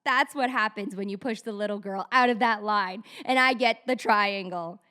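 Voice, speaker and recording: A woman's voice: medium pitch, moderate pace, heavy background noise. A woman in her thirties casually telling a story with lots of swearing, acting out her own and others' panicked shrieks. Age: 30s. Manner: animated, profane, acts out shrieking reactions. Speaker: vlogger.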